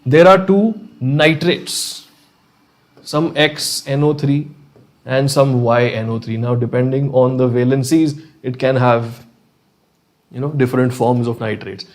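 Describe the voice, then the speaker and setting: A man's voice: mid-range voice, steady tone, a little slow. A man with a North Indian accent teaching a live online class conversationally, often checking in with short questions and slipping Hindi phrases into his English.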